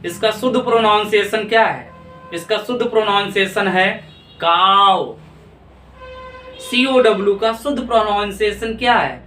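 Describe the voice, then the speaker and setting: A man's voice: high voice, a little fast, fairly bright tone, a little hiss or hum. A man teaching English grammar in a video lesson, asking his students questions, answering them himself, and checking in often. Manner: checks in often with "theek hai na". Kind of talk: classroom-style video lesson. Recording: echoey room, mic at a distance.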